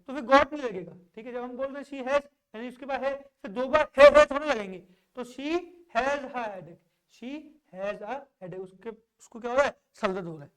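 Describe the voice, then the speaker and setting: Somewhat high-voiced woman teaching grammar. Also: low-quality recording. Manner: asks questions and answers them herself, reads examples slowly. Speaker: English teacher. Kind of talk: classroom grammar lesson.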